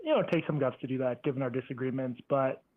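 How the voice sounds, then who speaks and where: A man calling in to a live show, heard over the phone, talking in a halting, hedging, polite way. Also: mid-range voice. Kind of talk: casual call-in chat. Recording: tinny phone line, played from a stream clip.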